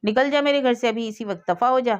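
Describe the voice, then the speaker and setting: A woman's voice: mid-range voice, fairly quick, a little mellow, smooth, natural voice. A woman reading the lines of a harsh, taunting middle-aged father in a spoken story. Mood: scornful. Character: blunt bitter middle-aged father, scornful. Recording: dull lo-fi audio.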